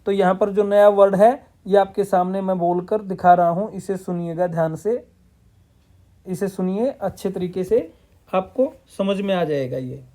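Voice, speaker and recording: Unhurried and mellow, this man's voice sits high as he explains a lesson in classroom fashion. He's from Punjab, India, mixes English terms into his Hindi, and answers the questions he raises himself.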